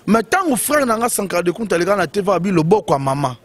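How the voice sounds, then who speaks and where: A high-pitched man talks through music gossip in quick, emphatic bursts. He leans on fillers and keeps the tone casual and animated. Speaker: commentator. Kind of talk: casual commentary on music news.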